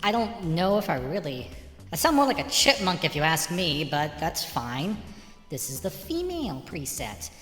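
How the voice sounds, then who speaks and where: A man heard through a female pitch-shift preset, joking sheepishly about how he sounds. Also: huge pitch swings, normal speed, a bit bright, echoey room, big-room sound, faint music behind.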